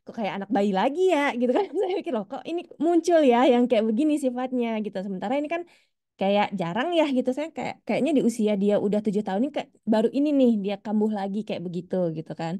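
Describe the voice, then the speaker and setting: Hesitant woman with a mellow voice. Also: medium pitch, lively intonation, racing, no room sound. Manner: rambling, hesitant, many restarts. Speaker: parent asking a question. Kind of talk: casual spoken question on a call.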